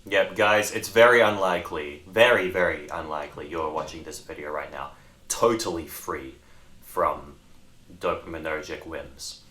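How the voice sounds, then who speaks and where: Young man, very low pitch, bright forceful tone, casual animated podcast chat. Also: normal speed. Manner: animated, addresses viewers directly. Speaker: podcast co-host. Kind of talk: casual discussion.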